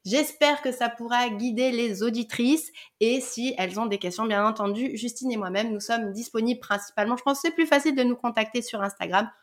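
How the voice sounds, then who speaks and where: A woman's voice: a little high, fairly quick, hardly any pauses. A woman hosting a podcast, chatting casually and playfully with a guest and laughing often. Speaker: podcast host.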